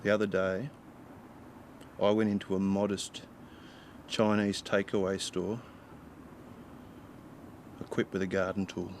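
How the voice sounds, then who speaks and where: A man's voice: low voice, flat delivery, unhurried, long pauses, a little hiss or hum. An actor playing a brash, scheming male crook, rambling and swearing heavily in a radio drama.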